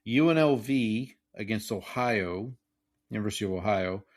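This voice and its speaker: A man's voice: lowish voice, expressive, moderate pace. A man co-hosting a podcast in casual sports-betting chat, wryly running through matchups and point spreads. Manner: wry, reads matchups and spreads plainly. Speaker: podcast co-host.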